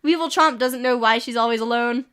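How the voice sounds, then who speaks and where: Her voice is on the high side, fairly bright and clean as she reads out events during a game stream. Slightly sick, she coughs at times, yet keeps adding quick, amused remarks and chuckles.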